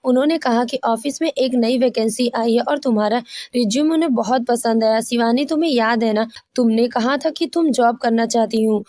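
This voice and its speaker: A woman's voice: on the high side, moderate pace, few pauses, no room sound, clean studio sound, lightly acted. A woman reading as a cheerful young husband. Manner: smiling, gentle.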